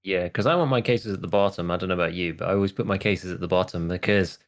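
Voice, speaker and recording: A man's voice: low voice, quick pace. A man co-hosting a podcast in casual chat, talking loosely with lots of filler words and restarts. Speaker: podcast co-host.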